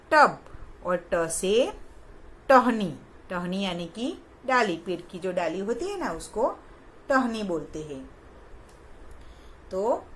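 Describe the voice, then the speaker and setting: A woman teaching young children in a recorded lesson, patient and repeating each sound with clear stress. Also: medium pitch, slight background noise. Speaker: kindergarten teacher.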